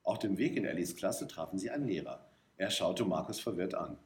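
A man reading a story aloud as narrator, in a lively, expressive way. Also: low voice, brisk. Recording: roomy echo.

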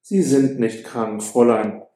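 A man reading an audiobook voices an older nursemaid who speaks softly and knowingly. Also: medium pitch, a little slow, reverberant, close to an everyday voice. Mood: gently amused.

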